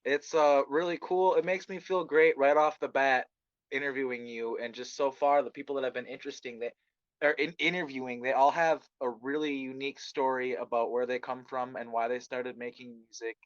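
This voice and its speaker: A man's voice: mid-range voice, steady tone, a little fast, dry recording, lo-fi sound. A man hosting a podcast, asking questions in an upbeat, friendly casual interview. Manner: upbeat, friendly, hype intro. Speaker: podcast host.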